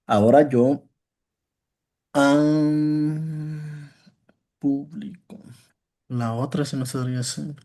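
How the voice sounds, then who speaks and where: A man's voice: a little high, steady tone, extremely slow, pauses often, mellow. A male student answering in class, hesitant and unsure, restarting his sentences often.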